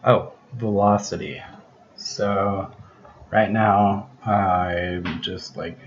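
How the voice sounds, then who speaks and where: A deep-voiced man talks through his code in an unhurried, thinking-aloud way, his voice slightly worn. The recording is muffled and lo-fi, with a clear hiss running underneath. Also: fairly even intonation. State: losing his voice. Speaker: programming tutor. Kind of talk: casual screencast explanation. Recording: dull lo-fi recording with background hiss.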